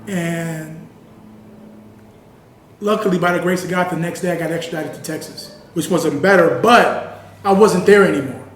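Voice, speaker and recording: A man's voice: fairly high pitch, moderate pace, pauses often. A man giving a sit-down interview, telling a personal story in an earnest, conversational way and often saying "you know.". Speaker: interview guest. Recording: roomy sound from a distant mic with faint ambience.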